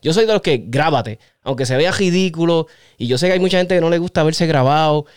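A man with a Puerto Rican accent hosting a casual chat, rambling through animated stories full of slang. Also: on the high side, brisk, clean tone, no echo, clean studio sound. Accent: Puerto Rican Spanish.

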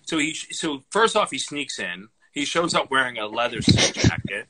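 Bright-voiced man in casual movie chat. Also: medium pitch, animated, rough recording. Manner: rambling, filler-heavy, quick to laugh. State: tired. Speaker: podcast co-host.

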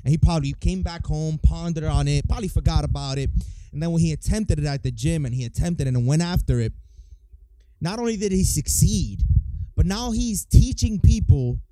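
Hyping live-stream host, dark dry voice. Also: male voice, fairly high pitch, fairly quick, dry recording. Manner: hyping up his guest, conversational. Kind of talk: casual live chat.

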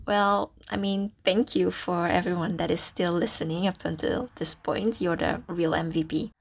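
Girl in her early 20s doing a casual podcast, lots of vocal fry, kinda awkward and rambly, phone in a closet w towel over head. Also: fairly low pitch, steady tone, normal speed. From Netherlands. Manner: self-conscious, rambling, self-deprecating. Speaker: podcast host. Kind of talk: casual solo podcast chat.

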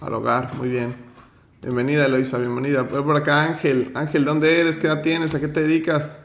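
A man's voice: a little high, little pitch movement, a little fast, roomy sound. A man hosting an online finance workshop, teaching with motivation and firmly running roll call. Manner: firm, direct, gives instructions.

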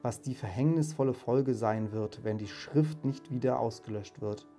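Storybook ghost, solemn male spirit, voiced by a man, grave, declaiming, loud, dark warm tone. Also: mid-range voice, moderate pace, faint music behind, lightly acted. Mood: accusing.

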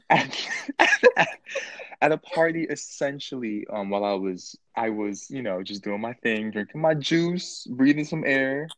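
A man in his twenties, a podcast guest chatting casually, playful and animated, jumping high in pitch for emphasis. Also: measured pace, dry recording. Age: 20s. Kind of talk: casual chat.

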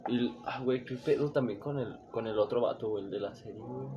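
A man's voice: medium pitch, quick pace, muffled recording, very noisy. A man with a Mexican accent in casual chat, crude and joking, heavy on slang. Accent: Mexican Spanish. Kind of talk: casual chat about anime.

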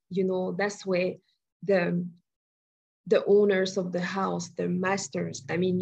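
A woman from Cameroon speaks in a low, husky voice, stopping and restarting as she searches for her words. The sound is dull and lo-fi, like remote audio. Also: a little mellow. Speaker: interior designer. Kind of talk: casual interview conversation.

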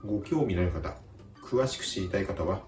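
A man teaching a vocabulary lesson, speaking calmly and slowly repeating each word with careful pronunciation. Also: low voice, reverberant, distant mic, faint music behind. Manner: slow, careful pronunciation drills. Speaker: language teacher.

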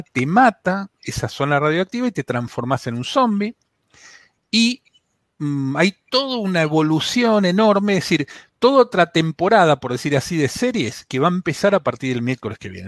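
A man's voice: a little high, dry recording, clean studio sound. A man from Argentina with a Buenos Aires accent, chatting casually on a radio show and explaining things at length with many restarts. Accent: Buenos Aires Spanish. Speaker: tech segment contributor.

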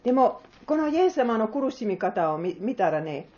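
Woman preacher, earnest sermon delivery, rhetorical questions, animated lilting pitch, dull lo-fi sound. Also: moderate pace. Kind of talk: sermon with closing prayer.

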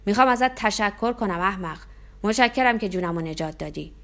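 A woman's voice: mid-range voice, expressive, a bit bright. A woman voicing a drunk, hulking American sea captain who bellows crude thanks. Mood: bellowing.

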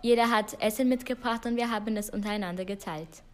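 A woman's voice: medium pitch, fast talker, darkish tone. A woman student answering cheerfully in simple sentences. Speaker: student interviewee.

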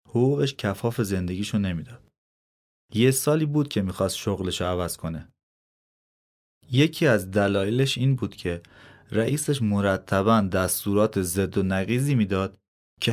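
A man narrating a motivational story in a calm, measured storytelling manner. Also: lowish voice.

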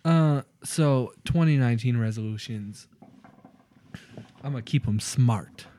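A young man co-hosts a podcast in a medium-pitched, slow, dark voice. He chats loosely about his new year goals, swearing freely and laughing often.

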